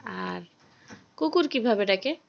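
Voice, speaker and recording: A woman's voice: mid-range voice, lively intonation, measured pace, gravelly, muffled recording. A young woman, talking playfully with her toddler at home and coaxing the child with sing-song questions. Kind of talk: casual home video chat with a small child.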